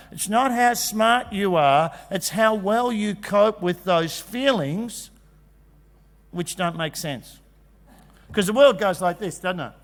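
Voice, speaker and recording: A man gives a jokey, animated talk at a conference, acting out kids' voices. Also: high-pitched. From Australia. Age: 50s. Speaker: conference speaker. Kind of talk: energetic presentation. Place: large conference hall. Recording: long hall reverb.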